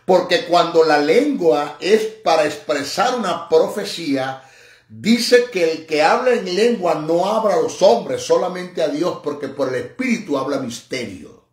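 A man preaching a sermon, emphatic and mocking, dropping to low asides and rising to high exclamations. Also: lively intonation, unhurried, reverberant. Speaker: pastor. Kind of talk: sermon teaching.

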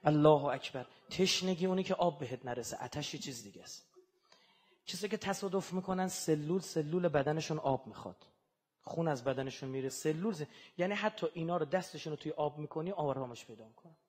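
A man giving an impassioned religious sermon, moving from hushed, mournful passages to loud, fervent outbursts. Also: on the high side, breathy edge. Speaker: religious speaker.

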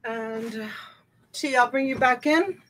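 A middle-aged woman hosting a live online auction from a room at home, counting items and calling bids slowly on a webcam. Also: fairly high pitch, a bit bright.

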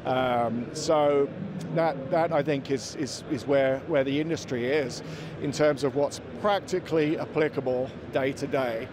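Over busy crowd noise on a trade-show floor, a man in his forties with a mid-range voice presents products for his company in an interview at an indoor exhibition booth. He is somewhat halting and repeats words, recorded on a handheld interviewer's microphone.

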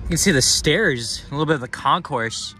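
Brisk and expressive, a young man's fairly high voice comes across pushed and bright as he rambles casually in a walking vlog. He films with a handheld camera on a city sidewalk while cars and street ambience sound around him.

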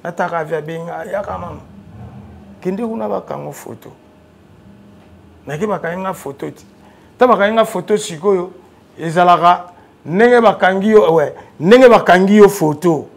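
A man with a Congolese French accent sits on a TV studio sofa discussing his music career in casual French and Lingala. His high, husky voice is a little slow and creaky, with long pauses, yet he's an animated storyteller who gets loud when excited.

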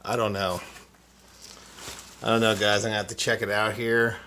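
Man in his forties, casual unboxing host, blunt and profane, slightly low voice, roomy echo with faint noise behind. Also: flat delivery, normal speed, pushed and bright. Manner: casual and blunt, swears freely. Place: cluttered collectibles room indoors.

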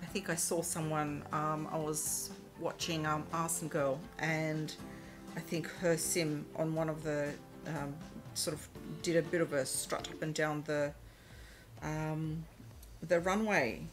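Speaking slowly in a low voice with little pitch movement, a let's play host casually comments on a mobile game and reads its prompts. Music plays in the background. Her first language is Eastern European, and her English accent is mixed, mostly Australian.

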